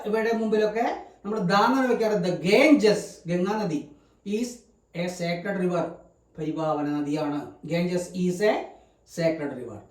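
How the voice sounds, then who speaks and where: A man's voice: sits high, a little mellow. A male English grammar teacher giving a lesson, explaining step by step and repeating example words. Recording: roomy sound from a distant mic.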